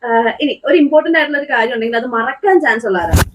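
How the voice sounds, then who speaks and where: A young woman hosting a casual challenge, reading out questions in a brisk, upbeat way. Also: high-pitched, animated. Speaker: quiz host. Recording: noisy home video recording.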